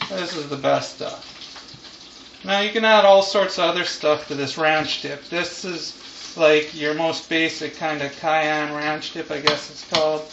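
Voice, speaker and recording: Laid-back stoner man, higher-pitched, roomy kitchen sound. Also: steady tone, measured pace, gravelly, a bit bright. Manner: laid-back stoner talk, loose and rambling. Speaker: host of a home cooking show. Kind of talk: casual cooking vlog chat. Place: home kitchen, indoors. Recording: roomy, muffled camera audio with frying noise. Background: sizzling deep fryer.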